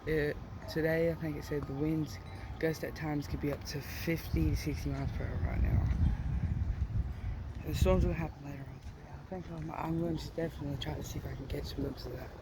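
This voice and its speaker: A man's voice: on the high side, steady tone, a little fast. A man chatting casually in a vlog, talking outdoors with the wind in his face. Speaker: amateur weather vlogger. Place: outdoors on a windy porch. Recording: very loud wind noise outdoors. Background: loud wind, wind chimes.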